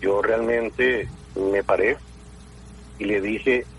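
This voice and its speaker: Venezuelan guy calling in, lower voice, polite, bit of hiss in the background. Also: steady tone, very slow, low-quality recording. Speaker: radio show caller. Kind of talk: phone-in comment.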